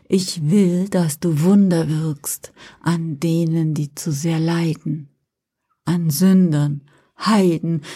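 A woman voicing Lucifer, a calm, seductive male fallen angel, speaking slowly and gently in a whispered role-play. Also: slightly rough, heavily acted. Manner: slow, low, gentle, persuasive.

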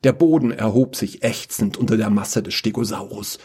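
A man narrating a fantasy story in a calm, measured reading voice with a husky tone. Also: fairly low pitch.

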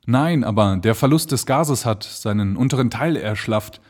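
A man's voice: mid-range voice, expressive, normal speed, natural voice. A man voicing a male balloonist who gives urgent commands in a raised voice. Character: male balloonist, desperate but resolute.

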